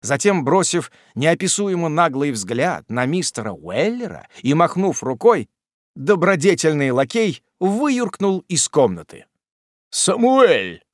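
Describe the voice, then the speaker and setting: Expressive male audiobook narrator. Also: on the high side, a little slow, no echo, clean studio sound. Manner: expressive, theatrical reading.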